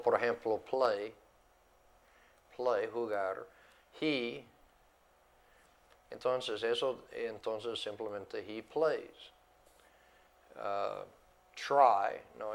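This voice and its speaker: Speaking at a medium pitch, a man teaches a class an English grammar lesson. He goes slowly and deliberately, repeating words and moving back and forth between English and Spanish.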